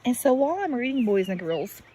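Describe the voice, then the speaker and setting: A teacher reads aloud to young children beside a farm pond, instructing and addressing them directly in a fairly high, very animated, brisk voice with a dark tone. The outdoor recording is low quality, catching nature noise from a running creek and animals.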